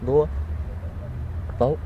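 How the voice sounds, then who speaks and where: A man's voice: takes it slowly, narrow, tinny audio. A man with an Iraqi accent in casual joking banter, repeating single words emphatically as he gives clues in a game. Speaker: clue-giver in a headphone word-guessing challenge. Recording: faint outdoor or car noise behind.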